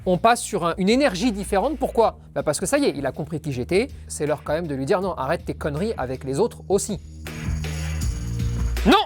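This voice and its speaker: A man's voice: high-pitched, lively intonation, fast, few pauses. Man, dog trainer, coaxing sing-song praise, outdoor training ground, faint music behind. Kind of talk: coaching a dog and explaining.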